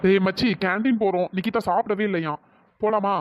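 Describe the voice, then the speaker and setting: A woman voicing a casual young man, a college friend, easygoing and offhand, in a cartoon story with a pitch-processed voice. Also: fairly even intonation, brisk, dry recording, highs cut off.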